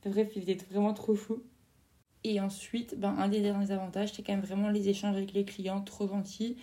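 A woman's voice: medium pitch, little pitch movement, normal speed, mellow. A young woman from France talking in a casual, rambling podcast monologue, full of fillers and self-corrections. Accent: French. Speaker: podcast host.

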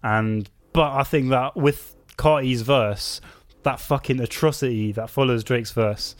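A man's voice: mid-range voice, a little slow, dry recording. A man bluntly criticizing songs in casual podcast chat. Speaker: album reviewer.

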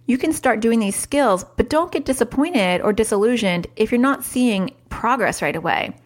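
A woman who is a parent hosts a solo podcast, chatting in an upbeat way with lively leaps in pitch.

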